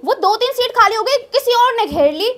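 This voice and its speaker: On a small open-mic stage indoors, a young female comedian works through observational material in a conversational style, repeating lines for effect. Her very high voice is expressive and a bit bright, and she talks a little fast into a handheld microphone.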